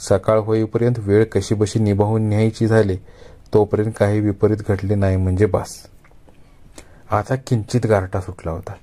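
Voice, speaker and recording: Low-voiced male storyteller. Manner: measured, expressive narration. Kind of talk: Marathi kathakathan storytelling.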